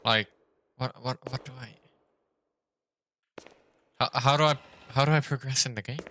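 A man's voice: medium pitch, fairly even intonation, moderate pace, bright, forceful tone, slight background noise. Young man streaming a game, confused. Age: young adult. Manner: confused, rambling, repeats words. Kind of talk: live gameplay commentary. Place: small room indoors. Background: game music.

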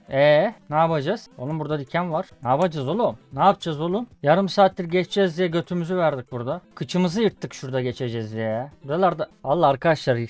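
A man's voice: a little high, a little mellow. A young man commentating his own gameplay in a casual let's-play, swearing at the game and telling viewers to watch. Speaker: gaming YouTuber. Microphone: desk USB condenser microphone.

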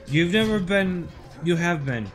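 A young man playing a video game while drunk, swearing, yelling at enemies and chatting with a friend. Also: high-pitched, lively intonation, measured pace, faint music behind. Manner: loud, profane outbursts at the game. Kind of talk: casual gaming banter.

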